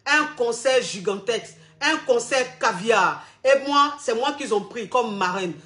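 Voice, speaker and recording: A woman's voice: on the high side, animated, unhurried, fairly bright tone. A woman hosting a live call-in advice show, direct and affectionate. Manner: direct, affectionate, calls listeners darling.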